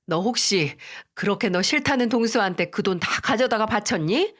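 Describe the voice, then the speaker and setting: A woman's voice: mid-range voice, lively intonation, normal speed, fairly bright tone. Woman reading as strict older mother-in-law laying into her daughter-in-law, firm and scolding. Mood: stern.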